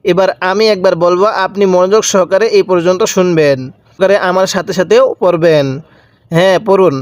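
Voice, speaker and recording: A man's voice: high voice, fairly even intonation, fairly quick, no echo. A man teaching Quran reading step by step, drawing out syllables and repeating letter sounds for the viewer to say back. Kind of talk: step-by-step recitation lesson.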